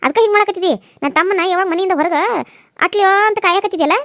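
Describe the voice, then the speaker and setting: A woman's voice: very high voice, racing, fairly bright tone, dry recording, clean studio sound. A woman voicing a scheming middle-aged mother-in-law in a cartoon serial, scornful and dismissive.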